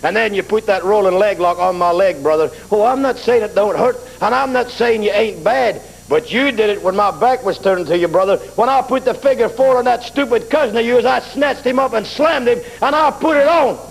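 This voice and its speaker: A man's voice: high voice, a little fast, gravelly, hardly any pauses, low-quality recording. A man cutting a brash wrestling promo on TV, trash-talking his rivals and tossing in "brother" again and again. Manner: brash trash talk, keeps saying "brother".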